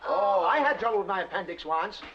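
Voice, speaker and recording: A man's voice: high-pitched, lively intonation, fairly quick, crowd noise. An actor playing a touring stand-up comedian who fires off one-liners in showman patter, in a 1980s sitcom. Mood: joking. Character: wisecracking male stand-up comic, corny and relentless. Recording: muffled hissy old TV audio.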